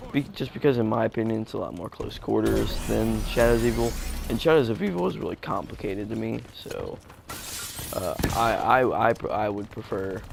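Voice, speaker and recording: Gravelly young man rambling over gunfire. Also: fairly low pitch, lively intonation, moderate pace, background noise. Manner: rambling, many fillers and restarts. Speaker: gaming YouTuber. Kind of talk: live gameplay commentary. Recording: gameplay gunfire loud behind. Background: game gunfire and explosions.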